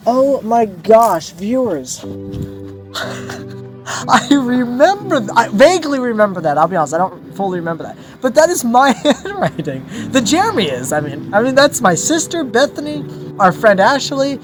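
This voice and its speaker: A man's voice: very high-pitched, moderate pace, music in the background. Choked-up, stammering man vlogging. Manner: excited, stammering, repeats himself. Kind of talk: casual vlog chat.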